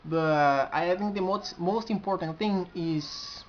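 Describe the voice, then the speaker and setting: Earnest and halting, a high-voiced Brazilian man in his 20s, strongly accented, records a casual vlog to camera as a community administrator. He frequently restarts what he is saying as he searches for words. The audio is dull and lo-fi, muffled like a cheap camera's built-in microphone.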